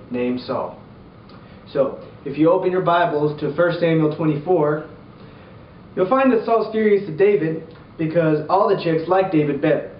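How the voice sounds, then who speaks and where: A man with an upbeat, slangy, jokey youth pastor manner, casually telling Bible stories for laughs. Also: on the high side. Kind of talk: casual comedic Bible storytelling to camera. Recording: roomy, distant, muffled, faint background noise.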